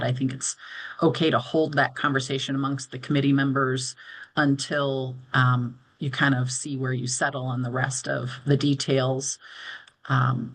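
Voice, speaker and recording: Woman, bright forceful voice, committee chair, procedural and explanatory, carefully worded, online meeting. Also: extremely low pitch. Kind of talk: moderating a formal public meeting.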